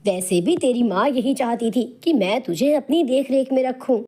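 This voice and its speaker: A woman voicing a kind middle-aged family friend who speaks gently and reassuringly in an animated storybook. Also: on the high side, normal speed. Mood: caring.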